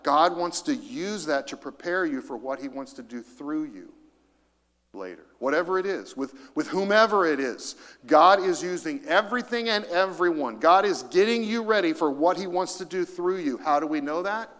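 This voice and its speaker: A man preaching in a church sanctuary, his voice sitting a bit high for a man. He presses his points through emphatic repetition and calls on the congregation to read along. A long reverb trails behind every phrase. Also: lively intonation, moderate pace, fairly bright tone. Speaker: pastor. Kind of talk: sermon.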